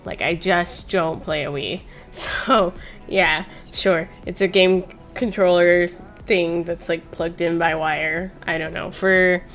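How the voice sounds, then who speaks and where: Over background music, a streamer in her thirties rambles through casual chat and personal stories, cursing freely. Her voice is lowish and a bit bright, steady in tone, and she talks slowly with hardly any pauses.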